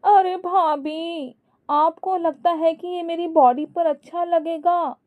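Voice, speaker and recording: A woman's voice: very high-pitched, steady tone, takes it slowly, dry recording, narrow, tinny audio, pitched above the performer's own voice. A woman voicing a shy, polite young sister-in-law who speaks hesitantly in a storybook.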